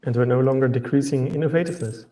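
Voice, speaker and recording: A man's voice: mid-range voice, rapid-fire, mellow. A man chatting casually and advising a friend on strategy during a game, recorded in a roomy space away from the mic. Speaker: fellow player advising on strategy. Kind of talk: casual gaming chat. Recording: roomy, distant mic, music behind.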